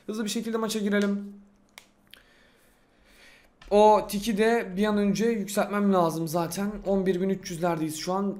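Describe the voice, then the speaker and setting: A young man with a high voice talks through his gameplay in a loose, excitable way. He talks to himself as he plays and brags in slangy speech. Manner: slangy and boastful. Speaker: gaming YouTuber. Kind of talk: casual gameplay commentary.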